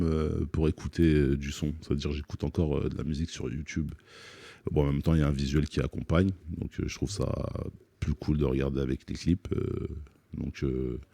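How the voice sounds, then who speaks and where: Very deep-voiced man, dark and dry. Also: creaky, no room sound. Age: 30s. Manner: hesitant, many fillers and restarts, joking. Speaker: rapper guest on a live music stream. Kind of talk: relaxed live Q&A chat. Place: studio set.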